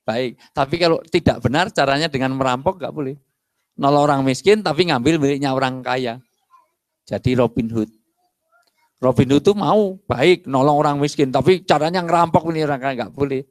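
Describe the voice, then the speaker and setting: A middle-aged male preacher, giving a lively sermon and acting out little dialogues. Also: medium pitch, fairly quick, no echo, clean studio sound. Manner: animated, acts out dialogues and jokes with the audience. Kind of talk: lively sermon to a mosque congregation.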